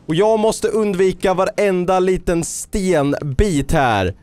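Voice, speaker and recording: A man's voice: high-pitched, a little mellow, clear, resonant tone, dry recording. A man giving let's-play commentary on a game. He cheers on and scolds his character and drops English phrases into his talk. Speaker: gaming YouTuber. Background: faint game music.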